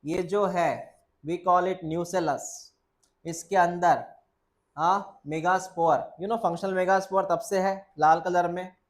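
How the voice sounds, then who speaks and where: A man's voice: sits high, steady tone, slow. A male biology teacher speaking Hindi with English terms in a classroom lecture. He quizzes students with the same question several times and answers it himself, calling them "beta". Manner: repeats key points and quizzes students, answering his own questions; coaxing, calls the listener "beta".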